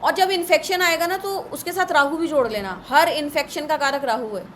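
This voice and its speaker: A woman teaching an astrology class in a live online session, brisk and a little scolding as she runs through lists. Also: high voice, a bit bright, slight background noise, rough recording.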